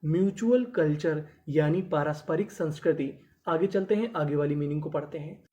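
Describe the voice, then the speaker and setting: A man teaching an English phonics lesson in Hindi. He asks questions, answers them himself, and sounds out letters slowly before blending them into words. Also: a little high, warm tone.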